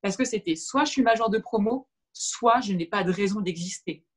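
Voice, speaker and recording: A guest on a video-call interview, this Arabic-speaking woman in her thirties has a medium-pitched voice and a moderate pace. Her reflective answers are dotted with fillers and restarts, and she gestures as she speaks from a home room with shelves, heard through a webcam.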